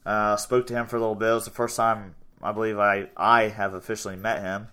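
Speaking on the low side and at a brisk clip, a twenty-something gym owner and podcast host chats about his gym. He's relaxed and wanders through his points with plenty of fillers.

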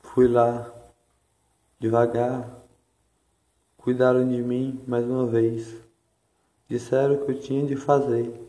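Guy from ceará doing a slow spoken-word poem, low mellow voice, echoey room. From Ceará, Brazil. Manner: slow, even, repetitive recitation. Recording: echoey room with faint music.

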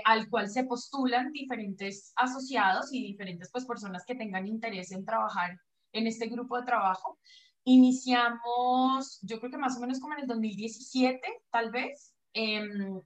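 A woman from Colombia with Spanish as her first language joins an online interview by video call as a guest pelvic floor physiotherapist. Her slightly high, fairly bright voice comes through poor audio, and she explains haltingly, with plenty of fillers and restarts.

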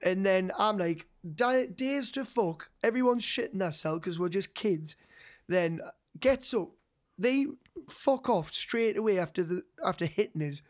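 A man's voice: high-pitched, animated, a little slow. A young man from North East England talks in a broad Geordie accent. He tells his story casually among friends, with plenty of slang and swearing, and slips into quoted dialogue as he goes.

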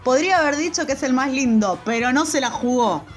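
A woman's voice: high-pitched, lively intonation, a little fast, faint music behind. A young woman with a Rioplatense accent co-hosting a casual chat, reading listener replies and telling stories full of slang and laughter. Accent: Rioplatense Spanish. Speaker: podcast co-host.

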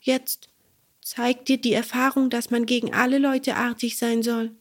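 A woman voicing a small, wise cricket in a storybook reading, with a thin, whispery high voice. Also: flat delivery, a little slow. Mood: gentle. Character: small wise cricket, stern but kind.

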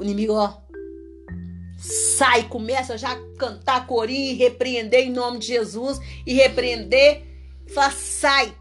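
A woman preaching casually and animatedly, acting out little dialogues as she talks about faith. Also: sits high. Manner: lively, animated, acts out dialogue. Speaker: evangelical preacher. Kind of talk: casual religious talk.

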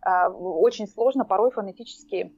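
A woman living in Norway chats casually as a podcast guest, speaking hesitantly with plenty of fillers and restarts. Her voice is medium-pitched and somewhat dark, at a moderate pace. The recording is dry and dull.

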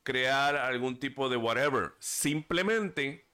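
This man hosts a casual solo podcast into a desk microphone, speaking slowly in a medium-pitched, expressive voice with a sharp, clean tone. His delivery is earnest and preachy, with occasional stumbles on words and English filler words creeping in.

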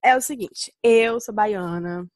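A woman's voice: medium pitch, slow pace, dry recording. A Brazilian woman in her twenties from Bahia, chatting casually and telling stories in a giggly way. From Bahia and Rio de Janeiro state, Brazil. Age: 20s. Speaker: podcast co-host. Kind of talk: casual chat, storytelling.

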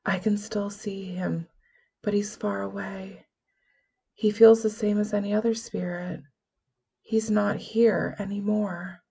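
A woman voicing a calm young medium who speaks quietly and evenly, at times in a near whisper. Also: mid-range voice, gravelly, slightly rough, pitched above the performer's own voice. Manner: quiet, measured, sometimes whispering.

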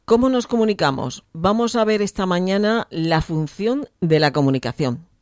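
A man's voice: high-pitched, animated, moderate pace, a little mellow, no echo, studio quality. A man hosting a radio program, introducing a guest and asking short questions. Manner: brief, inviting questions.

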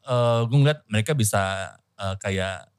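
A man's voice: on the low side, measured pace, smooth, no room sound. A man in casual chat, telling a travel story with lots of fillers and asides. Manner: chatty, animated storytelling with many fillers.

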